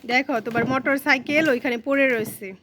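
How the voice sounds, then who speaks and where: A woman's voice: sits high, steady tone, brisk, noisy background. A woman filming and narrating a casual family vlog, coaxing her small daughter while talking to viewers.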